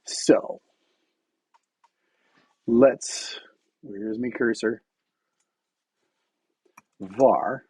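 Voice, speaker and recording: Man, gravelly husky voice, slow unhurried talk, casual live-coding commentary, thinking aloud. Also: mid-range voice, animated, a little mellow. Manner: thinks aloud while typing, with frequent restarts and fillers. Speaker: software developer streaming his coding.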